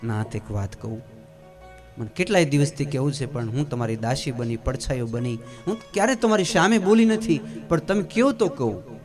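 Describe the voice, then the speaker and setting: A man voicing a devoted poor wife who softly pleads with her husband. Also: mid-range voice, lively intonation, normal speed, over music, pitched below the performer's own voice, close to an everyday voice. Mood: pleading. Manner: soft, pleading.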